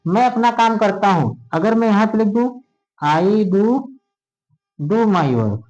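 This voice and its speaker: High-voiced teacher checking understanding. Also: male voice, animated, takes it slowly, darkish tone. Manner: checks often if students understand. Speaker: English grammar teacher. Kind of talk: classroom lesson. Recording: dull lo-fi sound.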